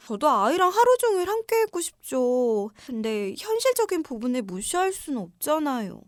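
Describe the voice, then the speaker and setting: A woman's voice: high-pitched, dry recording, studio quality. A woman playing a young working mother who speaks politely but firmly to her mother-in-law. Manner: polite, pleading, firm. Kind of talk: dramatized story narration.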